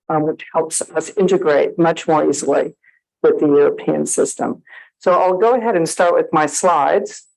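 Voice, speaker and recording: This is a low, darkish female voice on poor audio. She's an American associate dean presenting at a conference hall in a friendly manner, with many fillers.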